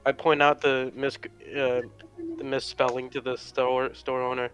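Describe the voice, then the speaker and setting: A man playing in a tabletop game over an online call, tentative and unsure of himself. His voice is smooth and clear but stays flat in pitch. Faint music runs underneath. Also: unhurried. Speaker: player. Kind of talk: casual tabletop play.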